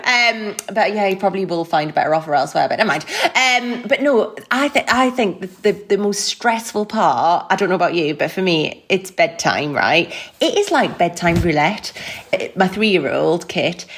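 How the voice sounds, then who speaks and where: A woman's voice: on the low side, animated, moderate pace, fairly bright tone. Rambling, self-deprecating woman. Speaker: podcast co-host. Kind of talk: casual comedic chat.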